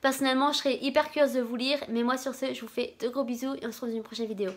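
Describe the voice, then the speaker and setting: Young woman youtuber, high voice, chatty vlog with lots of ums and restarts. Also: fairly even intonation, rapid-fire. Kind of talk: casual gift-ideas vlog.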